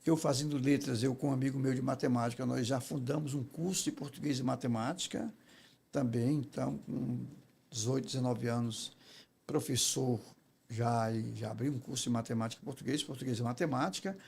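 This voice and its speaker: In an interview, a Brazilian public speaking teacher shares stories conversationally, emphatic and didactic, often checking whether he is being followed in agreement. His medium-pitched voice is brisk and a little mellow with vocal fry, and there is slight background noise.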